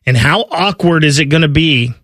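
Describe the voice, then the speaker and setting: Brief: male sports radio co-host, higher-pitched and forceful, conversational debate, dry studio sound. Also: moderate pace, dry recording.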